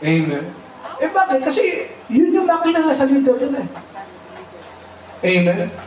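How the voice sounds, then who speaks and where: A man preaching as a pastor, animated and humorous, mixing English phrases and often calling out amen. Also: very high-pitched, normal speed, distant mic, slight background noise. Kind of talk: Tagalog sermon with humor. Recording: echoey hall, mic from afar.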